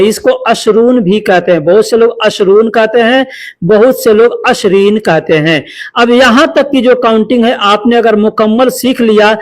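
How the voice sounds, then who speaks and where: A man with a fairly high voice gives a language lesson, patient and steady. He says each line twice so the learner can follow along. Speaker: language teacher.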